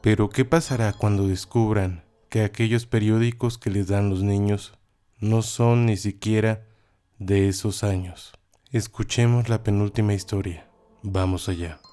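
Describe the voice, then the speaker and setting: A man hosting a podcast, reading scripted introductions in a measured, announcer-like way. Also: fairly low pitch, fairly even intonation, warm tone. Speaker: podcast host. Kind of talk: scripted narration. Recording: voice over faint music.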